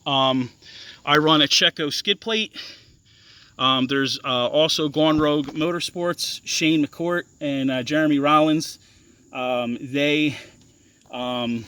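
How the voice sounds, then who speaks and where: A man casually walking through the mods on his off-road bike, halting with lots of ums and restarts, blunt and a bit profane. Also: fairly high pitch, sharp tone, clear, resonant tone. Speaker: ATV owner explaining his bike mods. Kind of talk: casual walkaround explanation.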